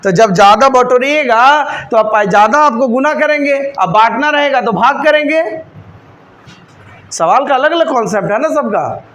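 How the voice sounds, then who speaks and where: A male coaching-class teacher teaching math to a live class. He quizzes his students constantly, scolds and teases them, and slows down to spell out each step. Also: very high-pitched, animated, fairly bright tone. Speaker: teacher for government exam coaching.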